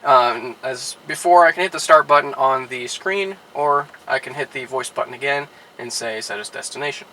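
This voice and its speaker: A man, a car dealership product specialist, giving a relaxed how-to demonstration inside a car, with many "all right" and "uh" fillers. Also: mid-range voice, normal speed, few pauses, slight background noise, poor audio.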